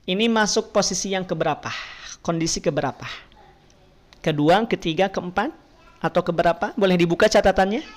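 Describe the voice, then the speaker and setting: A woman's voice: fairly low pitch, a little fast. A woman teaching Quran recitation in an online class, patiently asking her students questions and modelling pronunciation.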